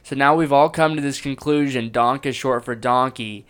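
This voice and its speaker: Smooth-voiced man breaking down his comedy. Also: mid-range voice, moderate pace, a bit bright. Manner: enthusiastic and self-reflective, with restarts. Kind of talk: analyzing his own stand-up clip.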